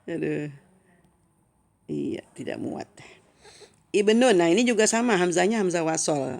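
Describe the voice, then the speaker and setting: Slow, gravelly-voiced woman teaching. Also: on the low side, lively intonation, a little mellow. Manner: reads Arabic phrases slowly and clearly, then chats quickly in asides. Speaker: Arabic teacher. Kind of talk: casual online lesson.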